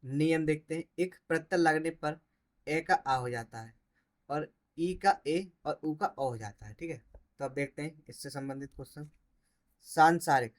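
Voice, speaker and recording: Man, teacher, exam-prep spelling lesson, slightly high voice, calls words out loud then explains softly. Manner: drills each word as wrong then right, stressing key words louder.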